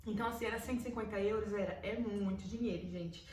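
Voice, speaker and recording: A woman's voice: mid-range voice, steady tone, fast, a little mellow, slight background noise. A young Brazilian woman with a Brazilian Portuguese accent, telling a personal story to camera in a casual, emotional way and repeating words for emphasis. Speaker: vlogger. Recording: roomy echo, mic at a distance.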